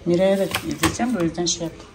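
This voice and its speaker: Home-vlogger mom in her thirties, low-ish voice, chatty self-talk while cooking; recorded with a noisy kitchen. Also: very fast. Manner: chatty, muttering asides to herself. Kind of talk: casual vlog chat while cooking.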